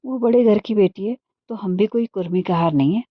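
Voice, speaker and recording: A woman voicing a rude, hot-tempered young village man in a storybook reading, with a sharp, scolding manner. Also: mid-range voice, no room sound, pitched above the performer's own voice, lightly acted. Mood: angry, scolding. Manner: sharp, scolding, quick to anger. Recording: dull muffled dry recording.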